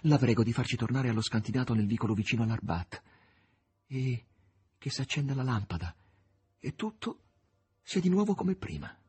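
A man voicing a devoted, anxious young woman in a high, strained, pleading way. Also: lively intonation, normal speed, pauses often, darkish tone, breathy edge.

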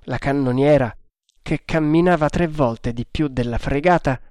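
A man reading an adventure novel aloud in a measured, deliberate narration. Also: fairly high pitch, a little mellow, dry recording, clean studio sound.

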